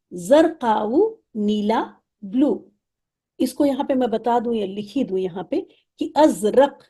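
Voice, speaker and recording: A woman teaching an Arabic lesson, patient and repeating each word slowly, with English terms in her explanation. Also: a little high, mellow. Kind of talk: online lesson, explaining vocabulary.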